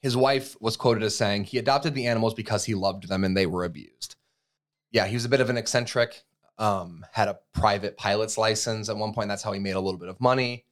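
A man in his thirties from the United States, co-hosting a podcast with a fairly low voice. He tells a story in an easygoing, conversational way, full of fillers and restarts. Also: fairly quick. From USA. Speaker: podcast co-host. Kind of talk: casual chat.

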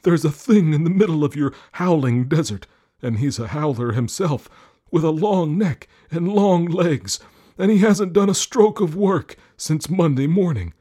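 A man's voice: a little high, lively intonation, unhurried, dark tone, husky, pitched above the performer's own voice. A man voicing an earnest, complaining male horse in a storybook, talking in a raised, indignant, tattling way. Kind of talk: storybook character voice.

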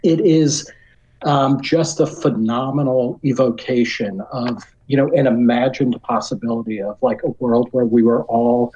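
Man, podcast co-host, casual music talk, rambling, enthusiastic, mid pitch. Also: steady tone, a little slow, mellow, highs cut off. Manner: rambling, lots of "you know" fillers.

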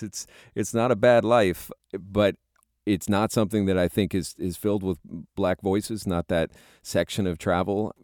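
A man hosting a travel podcast, asking relaxed, chatty questions and introducing guests. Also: low-pitched, no room sound, clean studio sound. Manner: relaxed, chatty, laughs easily. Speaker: podcast host. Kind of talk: interview and scripted narration.

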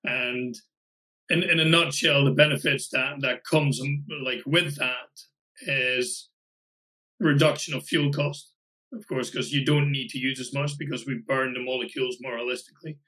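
Scottish man, bright and forceful tone, chatty guest with lots of fillers and restarts. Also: medium pitch, steady tone, normal speed, rough recording. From Scotland. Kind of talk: casual podcast interview.

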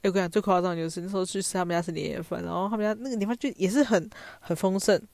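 A woman's voice: fairly low pitch, rapid-fire, creaky, darkish tone, no echo. A young woman with a Taiwanese Mandarin accent, telling stories in a chatty, self-mocking way as a podcast host. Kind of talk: casual storytelling monologue.

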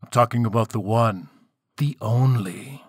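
A man's voice: mid-range voice, a little slow, no room sound, studio quality, lightly acted. A man voicing a proud, self-satisfied male king of the spirits in a told story, speaking grandly. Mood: grandly boastful.

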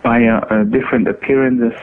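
A man calling in over the phone, speaking hesitantly with many pauses and fillers. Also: mid-range voice, fairly even intonation. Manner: hesitant, halting, full of fillers. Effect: heard over the phone. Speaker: caller. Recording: tinny phone line.

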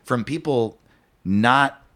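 A man co-hosting a podcast in casual chat, swearing often and thinking out loud with restarts. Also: medium pitch, slow pace. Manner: animated, swears a lot, thinks aloud with restarts. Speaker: podcast co-host.

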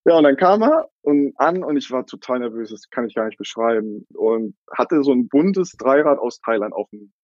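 A man's voice: mid-range voice, expressive, moderate pace, hardly any pauses, a little mellow, no echo, dull audio. A young man in his twenties telling the story of his coffee cart business in a casual interview, with many fillers and laughs.

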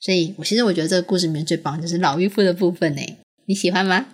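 Woman in her thirties, lower voice, patient, quizzing a child, laughs a lot. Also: rapid-fire, breathy edge. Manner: patient, questioning, laughs often. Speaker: mother talking with her young daughter. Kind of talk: casual storytelling chat with a child.

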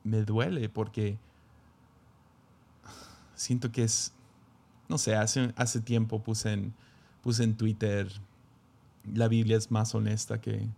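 A man's voice: lowish voice, level tone, slow pace, vocal fry, long pauses, mellow. A man, a pastor, reading scripture aloud and then musing on it in a reflective sermon, with frequent restarts.

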